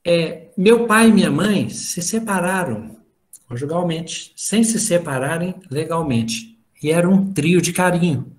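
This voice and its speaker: A man's voice: fairly high pitch, animated, unhurried. A middle-aged man giving an informal spiritual talk over a video call, telling family stories and acting out the dialogue. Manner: storytelling, acts out family dialogue. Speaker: lecturer at a spiritist study group.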